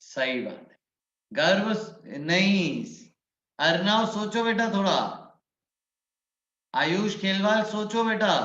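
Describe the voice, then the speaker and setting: A man's voice: high voice, fairly bright tone. A man teaching a physics class online, coaxing his students and calling on them by name, mixing English physics terms into his explanations. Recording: muffled echoey room.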